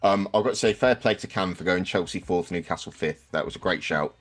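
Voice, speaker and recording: Speaking fairly quickly in a low-pitched voice, this podcast host walks through football season results with casual, dry humor and the odd curse word.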